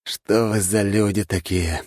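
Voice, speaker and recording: An indignant, whiny younger brother from a storybook, his voice jumping high and loud in protest, as a man reads him. He groans and complains, close on a dry mic. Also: lively intonation, moderate pace, slightly rough, no room sound. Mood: groaning. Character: hot-tempered young man, exasperated brother.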